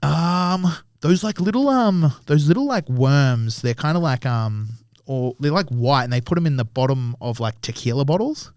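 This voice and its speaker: A young Australian man, a tattoo artist guesting on a podcast, tells stories in casual chat with an expressive, slightly mellow mid-range voice at normal speed and few pauses. The mic is dry with no room sound, and he swears often and does voices to act out his anecdotes.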